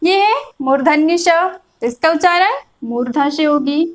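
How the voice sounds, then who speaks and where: A woman teaching a grammar lesson, explaining slowly and repeating each point, often checking whether her students follow. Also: high-pitched, lively intonation, poor audio. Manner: patient, repeats points, checks in with frequent "is that clear". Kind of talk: classroom lecture explaining a chart.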